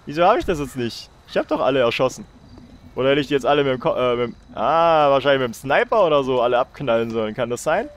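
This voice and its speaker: A man's voice: medium pitch, lively intonation, fast. A young man hosting a let's play, joking and swearing in casual commentary while talking to his viewers.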